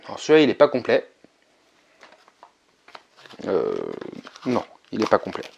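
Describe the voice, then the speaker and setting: A man narrating a casual vlog, relaxed and chatty, with frequent hesitations. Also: lowish voice, a little slow, creaky, dull audio, a little hiss or hum. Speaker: video game collector vlogger.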